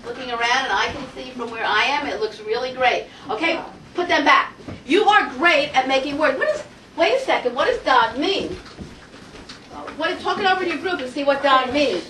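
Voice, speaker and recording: A woman teaching a Hebrew phonics lesson to a class, energetic and coaxing, asking the group question after question. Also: high voice, moderate pace, a little hiss or hum. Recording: roomy classroom audio from far off.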